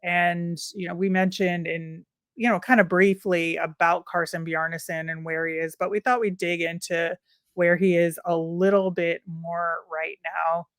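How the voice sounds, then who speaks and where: A woman co-hosting a sports podcast in a relaxed, chatty way, musing aloud and filling pauses as she goes. Her voice sits a little low, and the recording is close and dry with no room sound. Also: dry recording. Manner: conversational, thinking aloud with fillers. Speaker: podcast co-host. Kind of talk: casual sports podcast chat.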